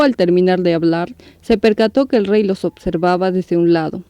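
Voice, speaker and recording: A woman, reading a scripted story recap in a steady, even manner. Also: medium pitch, dry recording. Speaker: narrator of a manga recap channel.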